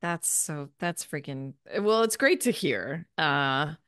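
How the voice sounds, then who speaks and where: Lively low-voiced woman podcast host. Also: slow pace, clean tone, no echo, studio quality. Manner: expressive, swears freely. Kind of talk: casual podcast chat. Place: lives in New Jersey.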